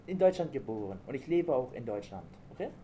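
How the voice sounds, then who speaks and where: Talking to strangers on a video call through a computer or webcam mic, this man of around twenty-one is slangy and loves to tease. His mid-range voice is warm and sing-song, running a little fast, with a faint hiss or hum underneath the casual, joking chat he records for his vlog.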